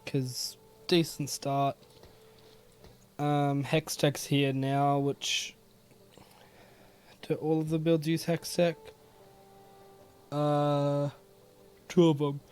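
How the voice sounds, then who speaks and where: A young man from Australia giving casual gameplay commentary in a relaxed, rambling way, with many "um"s and yawns. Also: on the high side, very slow, pauses often, smooth. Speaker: gaming YouTuber.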